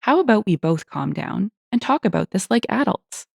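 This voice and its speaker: A woman's voice: medium pitch, very animated, moderate pace, creaky, breathy edge, no echo, studio quality, full character voice. Woman voicing a patient, polite young man. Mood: calm, polite. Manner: patient and reasonable. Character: calm, polite young man defending himself.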